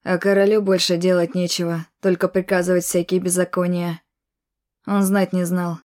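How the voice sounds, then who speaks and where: Female narrator doing arrogant noble brother-mage; low, monotone, mocking. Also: normal speed, close to an everyday voice. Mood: cool.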